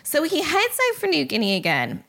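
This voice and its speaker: A woman casually telling a true story on a podcast, animated and chatty with lots of fillers. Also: high voice, brisk, creaky. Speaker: podcast host.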